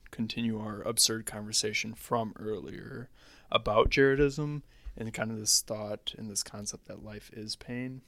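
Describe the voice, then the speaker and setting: A man's voice: fairly low pitch, steady tone, moderate pace, creaky, pushed and bright, no echo. A man in casual podcast chat, talking in a wry, rambling way and laughing often. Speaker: podcast co-host.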